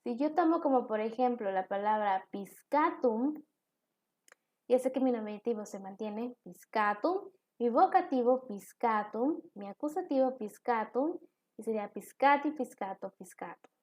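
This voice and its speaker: A woman's voice: on the high side, lively intonation, moderate pace, a little mellow. A woman teacher giving a recorded online class, explaining step by step with examples.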